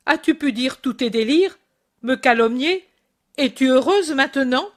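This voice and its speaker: A woman's voice: fairly high pitch, animated, moderate pace. A woman doing a bitter scornful young man. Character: proud angry young man lashing out at his mother. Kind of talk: audiobook reading.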